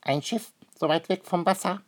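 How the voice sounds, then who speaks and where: Maruffel, a man doing a high fussy bird voice. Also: moderate pace, close to an everyday voice. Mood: curious. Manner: high-pitched, questioning, naively clever. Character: fussy, curious male water bird with a pouch. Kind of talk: storybook read-aloud.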